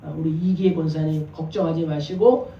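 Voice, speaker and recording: A man's voice: fairly high pitch, fairly even intonation, moderate pace, dark tone, dull audio. A male pastor preaching a sermon in a conversational way, asking rhetorical questions and joking with the congregation. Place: church sanctuary. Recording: echoey church from a distance.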